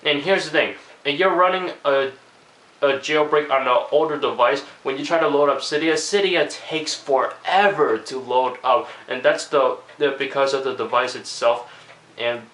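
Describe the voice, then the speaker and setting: A man's voice: medium pitch, moderate pace, fairly bright tone. Man with a cold, chatty and roomy. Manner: rambling, many fillers and restarts. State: has a cold, voice cracking. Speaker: tech vlogger. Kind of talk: casual video commentary.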